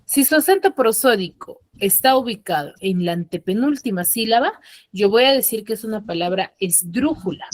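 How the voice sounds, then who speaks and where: A woman's voice: mid-range voice, lively intonation, moderate pace, no room sound, studio quality. A woman teaching an online class, patiently explaining and often checking that her students follow. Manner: patient, asks frequent check questions. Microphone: computer mic on a video call.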